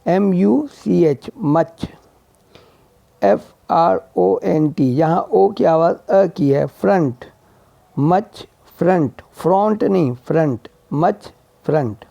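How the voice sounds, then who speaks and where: A man teaches English vowel sounds at a very slow, deliberate pace, spelling out each word and saying it again and again. His voice is warm and gravelly. The recording is dry and dull, with a lo-fi sound. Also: high-pitched, no room sound. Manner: spells words letter by letter and repeats them. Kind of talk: slow spelled-out phonetics lesson.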